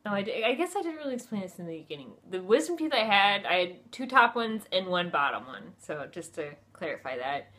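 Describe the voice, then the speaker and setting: Sing-song and fairly quick, with hardly any pauses, a chatty vlogger in her twenties tells a personal story to camera. Her medium-pitched voice is slightly bright, she leans on "like" and "you know," and she's indoors in a furnished room at home.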